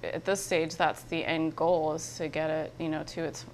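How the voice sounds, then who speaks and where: A woman's voice: deep voice, little pitch movement, normal speed, a little hiss or hum. A woman speaking earnestly in a news interview, with lots of fillers.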